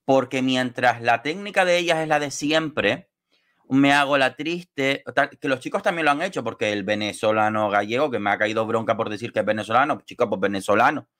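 On a video call from home, a male online show co-host gives wordy, gossipy commentary on a reality show in casual talk. His medium-pitched voice is a bit bright and a little fast.

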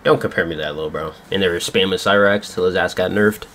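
A young man with a fairly low voice comments casually on his own gaming matches. His talk is slangy, sarcastic and full of profanity. Faint music plays behind him. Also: fast, a bit bright. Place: indoors at a gaming setup in a dim room. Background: game music.

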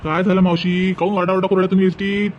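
A man voicing a calming male bus conductor with a Varhadi Marathi accent who asks what happened. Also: high-pitched, very fast, lo-fi sound, slight background noise, natural voice. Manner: soothing, questioning.

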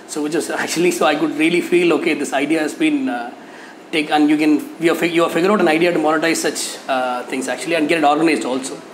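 A man's voice: a little high, steady tone, fast talker. A man, a cafe owner giving candid interview feedback, hesitant with many fillers and restarts. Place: cafe with painted mural wall, indoors. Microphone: lapel mic. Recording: echoey cafe room with faint noise.

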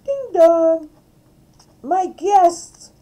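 A bossy storybook little girl who barks her orders in a high, loud voice, played by an older woman reading aloud. The voice stays slow and mellow with a wide, lively pitch range. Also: rough recording. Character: bossy little girl aardvark, demanding and dramatic.

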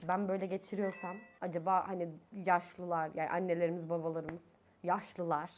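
A young woman in her twenties talks through a face mask from her bedroom in a casual, chatty way. Her throat is sore and she sounds worn out, with coughs breaking through. She laughs easily and rises in pitch when something irritates her. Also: flat delivery, fairly quick, a little hiss or hum. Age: 20s. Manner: chatty, laughs often, voice rising when annoyed. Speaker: vlogger. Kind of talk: casual chat to camera. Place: her own bedroom, indoors. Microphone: speaking through a face mask.

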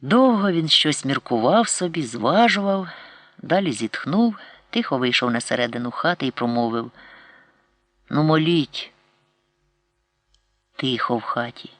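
A man narrating a literary audiobook in a measured, expressive storytelling manner. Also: medium pitch, no room sound.

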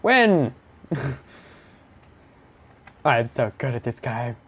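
A young man giving casual commentary while playing a game, muttering to himself and breaking into silly shouts and growls. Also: mid-range voice, fairly even intonation, takes it slowly, slight background noise. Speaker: gamer playing through a game. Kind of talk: casual let's-play commentary.

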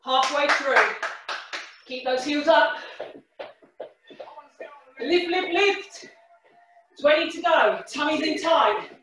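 A woman leading a workout class as a fitness instructor, calling short, energetic, encouraging cues and counts. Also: high-pitched, slow, long pauses, slight background noise. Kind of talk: live workout class coaching. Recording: echoey room, far from the mic.

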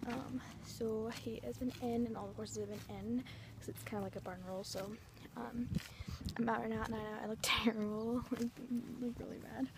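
A woman's voice: fairly high pitch, steady tone, moderate pace, gravelly, heavy background noise. A young woman chatting casually to a phone at arm's length outdoors at a horse barn, with many likes and ums. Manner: chatty, lots of "like" and "um". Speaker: vlogger. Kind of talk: casual vlog chat.

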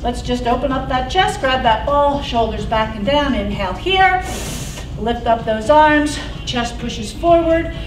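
A woman's voice: sits high, measured pace. A middle-aged woman cueing an exercise class as an aerobics instructor, upbeat and encouraging, counting out repetitions. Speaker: fitness instructor. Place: indoor exercise studio with wooden floor. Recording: roomy, distant mic, loud background music. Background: workout music.

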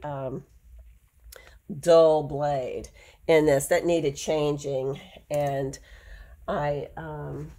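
Seated at her sewing table indoors, a woman from the United States walks through a quilting project in a relaxed, casual tutorial. Her voice is deep and a little mellow, nasal from allergies, and she chats freely, rambling off on tangents and fixing her own slips.

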